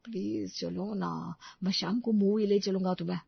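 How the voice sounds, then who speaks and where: A woman's voice: mid-range voice, a little fast, no room sound, lo-fi sound, natural voice. A woman doing a mild, pleading young husband. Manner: coaxing, placating tone.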